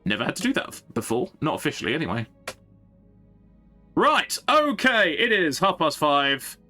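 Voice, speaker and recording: A man streaming a game, chatting to his viewers with a bright, forward tone. His pitch jumps around animatedly as he rambles and thinks aloud. Faint music plays underneath. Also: huge pitch swings, normal speed. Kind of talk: casual live-stream chat.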